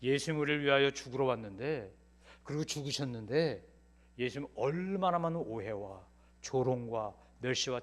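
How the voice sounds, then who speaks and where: A middle-aged man preaching a Sunday sermon in a church, telling personal stories and swinging from loud pleading to hushed asides. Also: on the high side. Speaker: pastor. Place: church sanctuary.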